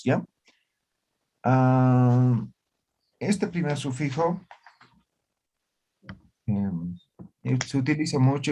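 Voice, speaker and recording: An Aymara language teacher lectures in an online class, taking students through grammar points one at a time in a plain, middle-pitched, darkish voice, with slight background noise. His manner is explanatory, and he checks understanding often with short questions like "¿ya?" and "¿no ve?".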